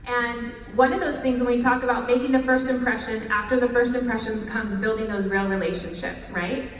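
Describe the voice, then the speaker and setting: Hosting a breakout session, a woman presents to an audience in an upbeat, motivating way, her slightly high voice fairly quick with fairly even intonation. The roomy, distant recording comes from a big echoing hall and has slight background noise.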